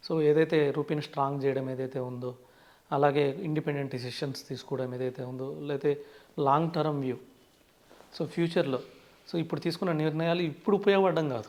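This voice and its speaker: Here a finance expert with a Telugu accent is interviewed, his fairly high voice brisk, steady, and darkish in tone. He peppers his explanations with English terms and habitually opens sentences with "so".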